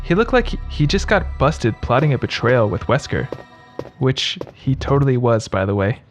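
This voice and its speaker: A male video host reads scripted, humorous commentary. His voice is mid-pitched and his manner is mocking and sarcastic. Faint music runs behind him. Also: very animated, moderate pace.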